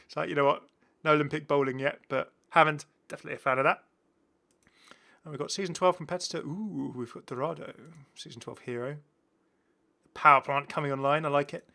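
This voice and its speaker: Showcasing gameplay on his channel, a male host keeps up a casual, chatty, enthusiastic running commentary. His mid-range voice is brisk and steady, with a creaky, pushed and bright quality.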